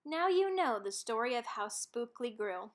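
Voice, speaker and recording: A woman's voice: fairly high pitch, big pitch swings, moderate pace. A woman reading a rhyming children's picture book aloud, expressively and with dramatic emphasis on key words. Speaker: storybook reader.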